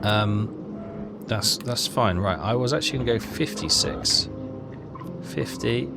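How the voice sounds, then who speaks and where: Unhurried and mid-range, this man's voice carries vocal fry. He gives casual, hesitant, muttered commentary as he figures out a game walkthrough, backed by game music.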